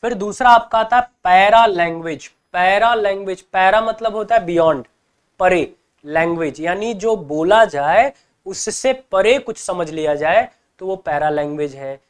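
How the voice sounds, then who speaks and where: A man's voice: high-pitched, measured pace, clean tone. A male teacher giving an exam-prep lecture, explaining with rhetorical questions and acting out everyday examples.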